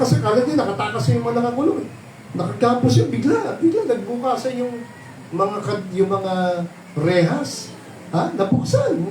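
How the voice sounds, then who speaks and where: A man preaches at a prayer meeting in a high, mellow voice. He explains each point slowly and keeps drawing the listeners in with questions. He is heard from a distance in an echoey hall with a faint hum behind him. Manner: explains slowly, asks "di ba?" often, mixes in English phrases. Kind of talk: Bible sermon at a prayer meeting. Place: church hall.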